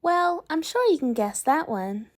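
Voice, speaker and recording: A young woman presents as the host of a commentary channel. Her voice is strikingly high and swings up and down with animation. The delivery is scripted and tongue-in-cheek. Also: big pitch swings, a little slow. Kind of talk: scripted video introduction.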